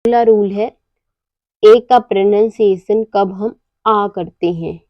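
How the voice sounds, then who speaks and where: A woman giving a slow English lesson, pausing often and answering her own questions. Her mid-range voice sits close to the mic with no room echo. The sound is a little muffled and lo-fi. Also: medium pitch. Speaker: English teacher.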